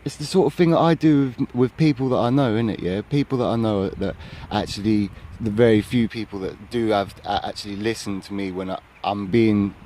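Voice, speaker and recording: Man, low-pitched, rambling and filler-heavy; outdoor phone vlog with faint street noise. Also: fairly quick, hardly any pauses, mellow. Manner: rambling, filler-heavy, tags lines with "innit, yeah?". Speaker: vlogger. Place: outdoors in an urban area. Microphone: handheld phone camera.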